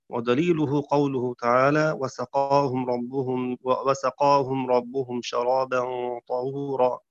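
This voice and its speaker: A man teaching Quran recitation variants in a measured lecture, citing verses and clearing his throat now and then. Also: medium pitch, dry recording, lo-fi sound. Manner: measured explanatory delivery with chanted verse quotes.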